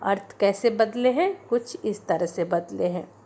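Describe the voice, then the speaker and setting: A woman teacher explaining grammar in a slow, deliberate way, repeating example sentences. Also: medium pitch, dark tone. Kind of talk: Hindi grammar lesson.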